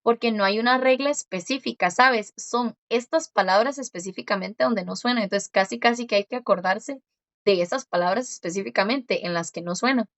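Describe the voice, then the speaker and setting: A woman teaching a Korean lesson in Spanish, explaining step by step and repeating words slowly. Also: fairly high pitch, no echo, lo-fi sound. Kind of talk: one-on-one language lesson.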